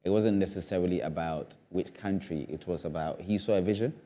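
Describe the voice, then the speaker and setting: Deep-voiced and mellow, a man from Ghana talks briskly as a guest on a studio panel discussion. He is earnest and forceful in his points, frequently repeating phrases for emphasis.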